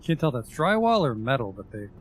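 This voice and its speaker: A man's voice: medium pitch, big pitch swings, fast, slight background noise. A man giving casual, offhand and wry commentary as he plays a video game. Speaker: let's play commentator.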